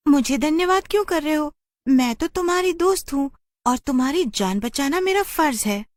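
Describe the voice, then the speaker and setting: A woman's voice: sits high, lively intonation, moderate pace, dry recording, pitched above the performer's own voice. A sweet young witch girl in a storybook tale, earnest and friendly, as a woman narrator puts her on. The voice rises well above the narrator's own and stays close and dry. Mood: cheerful.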